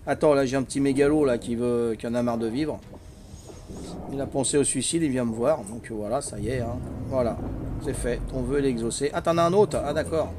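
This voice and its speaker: A man's voice: mid-range voice, a little fast, background noise. An older man with a Corsican accent, chatting casually and teasingly with viewers while playing a game on a live stream. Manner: teasing, chatty, peppers talk with "hein".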